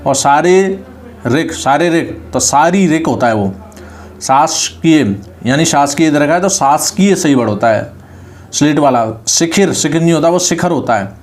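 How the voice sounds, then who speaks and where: A man teaching a spelling lesson online, saying each word over and slowly correcting it. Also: a little high, animated. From India. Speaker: online exam-prep Hindi teacher.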